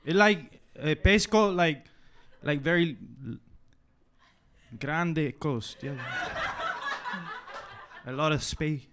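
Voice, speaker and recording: A male comic putting on a Cuban immigrant character with a Cuban Spanish accent and broken, halting English in a stand-up bit. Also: a little high. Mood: playful. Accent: put-on Cuban Spanish accent. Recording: noisy live room recording.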